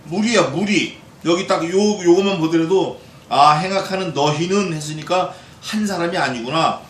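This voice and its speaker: A male pastor giving a Bible exposition sermon in a lively way, acting out quoted voices and putting questions to the congregation. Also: sits high, moderate pace. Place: church hall. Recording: echoey church hall, distant mic, faint noise.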